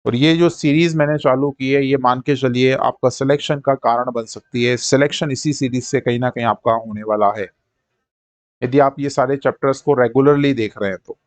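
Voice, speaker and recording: A man teaching a live-streamed maths lesson, drilling fractions and percentages in quick call-and-response and checking that his students follow. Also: medium pitch, fairly even intonation, dry recording. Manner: coaxing, repeats "ठीक है" to check students follow.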